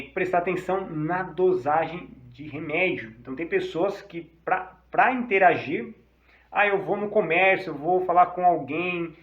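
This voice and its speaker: A Brazilian man, a psychologist, explaining treatments in an informal, conversational way and checking in with "tá?" and "né?". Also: on the high side. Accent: Brazilian Portuguese. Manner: informal, often adding "tá?" and "né?". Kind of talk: explanatory talk to camera. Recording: echoey room, slightly dull sound.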